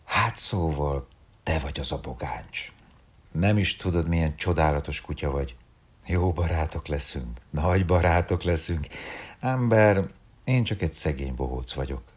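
A man reading aloud and voicing a lonely, gentle old clown, speaking softly and tenderly in a husky, half-whispered voice. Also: a bass voice, expressive, full character voice.

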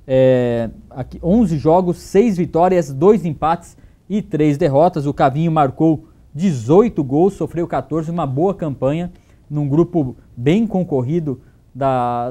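A man's voice: a little high, warm tone. A man in his thirties giving a sports report in a TV news studio, talking loosely with fillers into a lapel mic. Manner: loose, conversational delivery with fillers.

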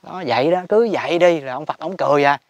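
A man's voice: on the high side, fast, dry recording, muffled recording. A man giving a casual Buddhist teaching talk, chatty and emphatic, chuckling often. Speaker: spiritual teacher.

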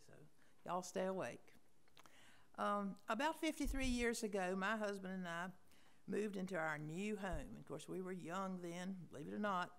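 An older woman reads a tribute to her late neighbor at a funeral. Her voice has a gravelly edge, and she speaks in a homespun, gently humorous way. The pitch sits in a middling range for a woman. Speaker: neighbor giving a eulogy. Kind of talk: reading a personal tribute at a funeral. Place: funeral home chapel.

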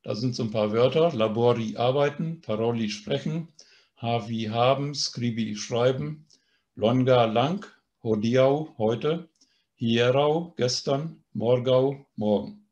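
Male language instructor, unhurried, patient explainer, mid-pitched voice, online lesson. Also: darkish tone, highs cut off. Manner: patient, explanatory, often adds a questioning "ne?".

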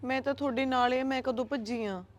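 An actress with a Punjabi accent playing a young wife who eloped, speaking quietly and earnestly about the taunts she suffers. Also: high voice, steady tone, a little fast, natural voice. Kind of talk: Punjabi short-film acting.

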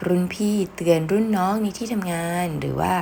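A woman's voice: fairly low pitch, brisk, vocal fry, mellow, slight background noise. A Thai woman teaching everyday spoken Japanese in a casual lesson, patiently explaining and modeling example phrases.

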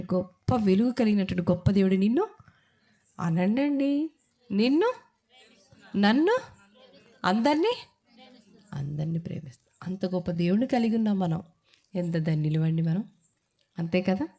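A woman's voice: mid-range voice, a little mellow. A woman with a Telugu accent preaching at a women's church meeting, fervent and emotional, asking the listeners to call back answers. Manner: fervent, call-and-response, asks the audience to answer. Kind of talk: emotional sermon.

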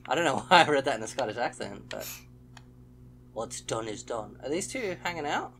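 A young man narrates his way through a horror game in casual commentary. His voice swings widely in pitch, rising into startled yelps and exclamations whenever something jumps out at him. He reacts quickly and talks to the creatures on screen. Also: sing-song, fairly bright tone, slight background noise. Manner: jumpy, exclaims and yelps at scares. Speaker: let's play host.

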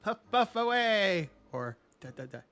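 A man's voice: sits high, very animated, a bit bright, faint music behind, voice pushed up, heavily acted. A man voicing a flirty male spa attendant with a put-on French accent, teasing and sultry. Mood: seductive. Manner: sultry, teasing, drawn-out delivery.

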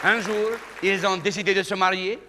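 Animated male comedian on a theatre stage. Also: high-pitched, over a noisy crowd. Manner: animated, playful, dramatic pauses. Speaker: stand-up comedian. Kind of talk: comic storytelling on stage. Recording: reverberant hall, faint noise.

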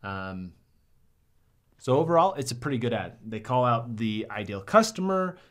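A very animated young man with a medium-pitched, fairly bright voice talks at normal speed from a desk in a small studio. He's a marketing reviewer critiquing ads to the camera, casual and upbeat, with plenty of "um"s and "right?"s.

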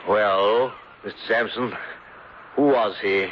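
An actor playing a smooth, sinister middle-aged uncle with a genteel, oily manner in a 1970s radio drama, on a hissy lo-fi vintage recording. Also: male voice, on the low side, fairly even intonation, slow pace. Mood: suave.

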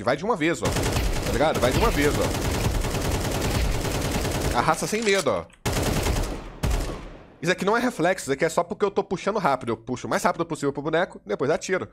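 A Brazilian male gaming coach with a slightly high voice runs a live gameplay tutorial in fast, slangy, casual Brazilian Portuguese, demonstrating as he talks and repeatedly drilling steps directly, constantly saying "look" and "you know." Faint in-game gunfire and mouse clicks sit in the background.

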